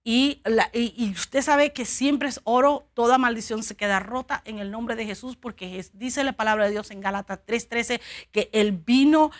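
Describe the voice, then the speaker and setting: A woman from Cuba delivers a sermon, weaving in a personal testimony. She speaks in an earnest, halting way, restarting phrases often. Her voice sits a little high for a woman. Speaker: preacher.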